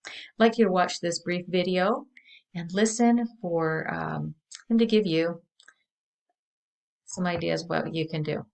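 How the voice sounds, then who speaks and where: A woman presenting a training workshop in an earnest, measured way, speaking steadily to her audience. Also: on the low side, vocal fry, poor audio. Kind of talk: prepared training talk.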